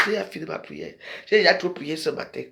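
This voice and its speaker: Brief: high-pitched man, video rant, scolding and confrontational, rambling delivery. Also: brisk, vocal fry, heavy background noise. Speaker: social media video maker. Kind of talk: ranting monologue to followers.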